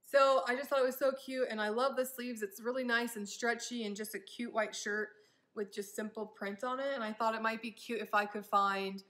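A woman's voice: fairly high pitch, steady tone, moderate pace, a bit bright. A young woman chatting casually in a try-on haul vlog, upbeat and rambling with frequent ums. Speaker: vlogger.

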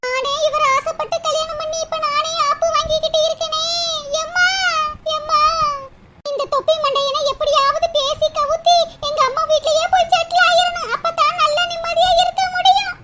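Woman doing a squeaky whiny cartoon wife. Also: little pitch movement, moderate pace, sharp tone, distant mic, soft background music. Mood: complaining. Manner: whiny complaining. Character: young wife grumbling about her mother-in-law. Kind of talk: cartoon voice acting.

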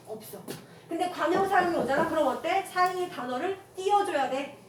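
A woman teaching a classroom grammar lecture, firing quick rhetorical questions at her students and mixing casual with polite speech. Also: extremely high pitch. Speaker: Korean language teacher. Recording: echoey room from far off, noisy.

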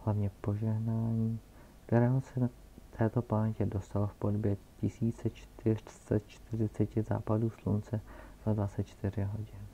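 Low gravelly man reading a story aloud. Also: flat delivery, dark tone, slight background noise. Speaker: reader. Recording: dull lo-fi recording.

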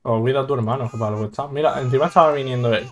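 A man's voice: medium pitch, racing. Spanish man from Spain, let's-play commentator, jokey and exclamatory, mid-range voice. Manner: joking, exclamatory, laughs often. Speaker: gaming YouTuber.

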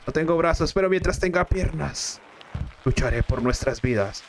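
A man voicing a calm father who keeps reassuring his son in a slow, low voice. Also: slight background noise. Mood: soothing. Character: calm soothing father Roberto.

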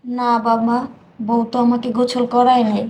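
A woman playing a frail, sick older mother who gently pleads with her son and daughter-in-law in a short-film drama. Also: fairly high pitch, monotone, normal speed, natural voice. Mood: pleading. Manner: pleading, soft.

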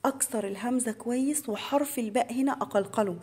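A woman with an Egyptian accent teaching tajweed to beginners. She explains each rule in quick colloquial speech, then recites the words slowly and drawn out. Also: fairly high pitch, darkish tone, slightly rough. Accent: Egyptian Arabic.

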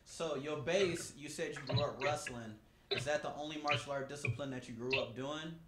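Podcast host, man in his forties, casual and upbeat, lots of "um"s, echoey room with steady background hiss. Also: a little high, normal speed. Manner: upbeat, repeats himself, many fillers. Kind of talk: casual interview. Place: small home studio. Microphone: desk mic on a stand.

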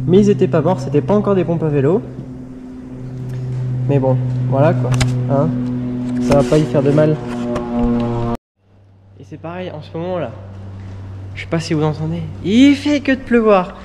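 A man's voice: on the high side, noisy background. A man casually explaining a car repair to his viewers, chatty and full of fillers, talking outdoors while it rains. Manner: chatty, filler-heavy, addresses viewers directly. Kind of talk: casual how-to vlog talk.

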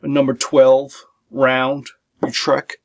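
A middle-aged man with a gravelly, fry-edged voice explains his watercolor setup in an unhurried, methodical way. He lists paints and brushes one by one like a patient art teacher. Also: mid-range voice. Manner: calm, methodical, listing supplies one by one. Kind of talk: instructional demonstration. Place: home art studio, indoors.

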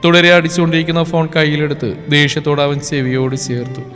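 A man's voice: fairly high pitch, fast. Man narrating a story over music. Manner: steady, emotional storytelling. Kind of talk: scripted novel narration. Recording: reverb with background music.

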